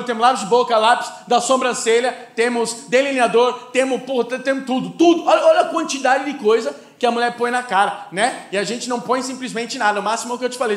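A man hosting a stand-up show, talking crudely and conversationally to the crowd and often asking "né?". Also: very high-pitched. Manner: brash, crude, conversational with frequent "né?". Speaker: stand-up comedian and show host. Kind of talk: stand-up routine. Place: comedy stage before a live audience. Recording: echoey live venue.

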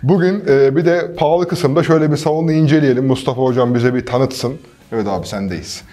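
A young man hosting a gym tour, quick, joking and enthusiastic, recorded indoors on a lapel mic. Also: mid-range voice, mellow. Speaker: fitness youtuber host. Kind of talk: casual gym tour chat. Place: home gyms, indoors.

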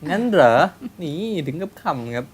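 A man's voice: medium pitch, animated, moderate pace, slightly rough. A young man hosting a let's play, casually joking and bantering crudely while he reads the game's dialogue aloud. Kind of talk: casual game commentary.

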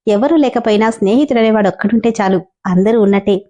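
A bossy old grandmother in a storybook giving doting orders, as a woman reader puts her on. Her tone is mellow and soft-edged, at an ordinary middle pitch. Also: fast, close to an everyday voice.

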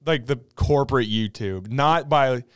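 A young man co-hosting a casual podcast, animated and jokey, breaking into mock voices. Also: mid-range voice, unhurried, clear, resonant tone. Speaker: podcast co-host. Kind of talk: casual chat.

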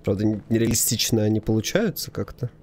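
A man's voice: lowish voice, lively intonation, fast, darkish tone, a little hiss or hum. A man giving casual gameplay commentary, talking to himself informally and reading item names aloud. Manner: informal, mild swearing. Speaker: gamer narrating own playthrough.

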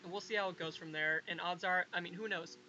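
A man with a high, bright voice chats casually over a gameplay session, often stalling with filler and stops. The recording is dull and lo-fi. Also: fairly even intonation, a little hiss or hum. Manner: halting, keeps saying to hold on. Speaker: gameplay video host.

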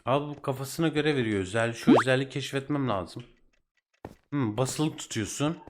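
Over loud game music and some background noise, a young man with a Turkish accent talks at a normal speed in a mid-range voice. He runs a gaming channel and reacts to his let's-play with frustrated outbursts and exclamations in a casual style.

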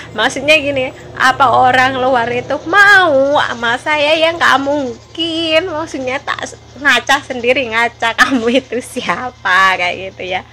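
A woman's voice: high voice, sharp tone, a little hiss or hum. A woman telling a casual vlog story, giggling and making fun of herself. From Java. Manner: giggly, self-mocking, laughs often between phrases. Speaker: vlogger.

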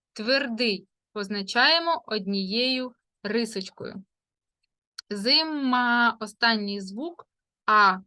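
A woman teaching a literacy lesson to young children, speaking slowly and carefully, drawing out sounds and reciting little rhymes in a sing-song way. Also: fairly high pitch, bright, forceful tone. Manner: sing-song rhyming greetings, drawn-out sounds and syllables. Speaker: primary school teacher.

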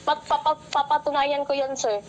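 A woman's voice: sits high, flat delivery, moderate pace, a crowd in the background, low-quality recording. A young woman making a complaint, hesitant with many fillers, polite to the host. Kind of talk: complaint on a call.

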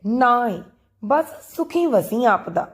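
A woman's voice: on the high side, big pitch swings, slow. A woman voicing a firm, worried mother.

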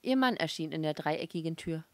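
A woman reading a novel aloud as an audiobook, in a calm, measured storytelling voice. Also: low-pitched, dry recording. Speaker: audiobook reader. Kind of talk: scripted narration.

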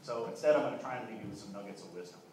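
A young man giving a conference keynote, talking quickly and fluently with frequent "uh" restarts, in a large hall. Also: fairly low pitch, lively intonation, a little mellow. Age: young adult. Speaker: keynote speaker. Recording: echoey hall, voice from far off, faint noise.

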